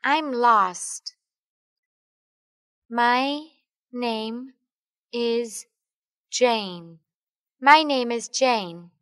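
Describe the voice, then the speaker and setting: A woman slowly reading English phrases for learners, one word at a time and then the full sentence, as a studio voice-over. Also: fairly high pitch, no room sound. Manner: reads each word separately, then the whole sentence. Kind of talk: slow word-by-word language drill.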